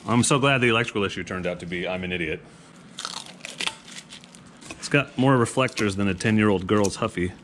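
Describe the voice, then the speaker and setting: A man's voice: fairly low pitch, fairly quick, long pauses, noisy background. A man hosting a motorcycle vlog, chatting casually to camera in a playful, self-deprecating way.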